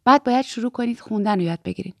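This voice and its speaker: A woman's voice: a little high, a little mellow, dry recording, clean studio sound. A woman reading as an earnest teenage girl in religious training, eager and confiding, sometimes dropping to a whisper. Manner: eager, confiding, drops to a whisper when fearful.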